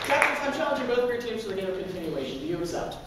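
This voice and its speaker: A man's voice: high voice, big pitch swings, rapid-fire, noisy background. A man refereeing a live improv comedy show, explaining the game's rules to the audience in an upbeat, jokey way. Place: small theater with live audience. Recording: echoey theater heard from far off. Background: audience chatter and laughter.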